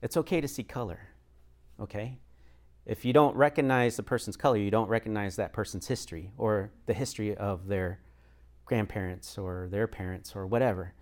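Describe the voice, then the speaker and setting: A man from the United States speaks as a chaplain and pastor at a church discussion. He talks in a loose, conversational way, filling pauses with "uh" and "um" and laughing lightly now and then. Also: lowish voice, fairly even intonation.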